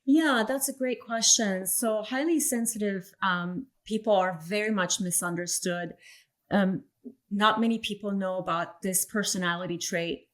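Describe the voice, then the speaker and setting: Speaking at a medium pitch, this woman from Iran works as a coach for parents of sensitive children. She responds to interview questions with care, full of pauses and "um"s.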